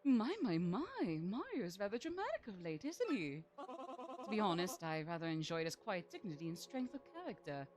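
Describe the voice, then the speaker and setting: A woman's voice: medium pitch, very animated, moderate pace, a crowd in the background, natural voice. A woman voicing a theatrical grand dame in a video game, languid, haughty and dramatic.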